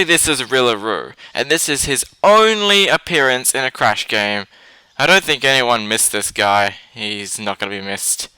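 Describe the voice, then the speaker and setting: A man's voice: mid-range voice, sharp tone, smooth, no echo, rough recording. A man giving a casual spoken game review, blunt and opinionated, swearing now and then.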